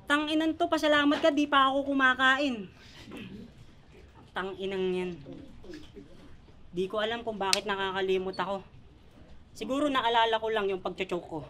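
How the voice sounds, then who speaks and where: Young woman battle rapper, slightly high voice, cheeky mocking insults. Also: steady tone, moderate pace, pauses often, fairly bright tone. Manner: mocking, laughing trash talk. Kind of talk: live rap battle verses. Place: bar venue, live event.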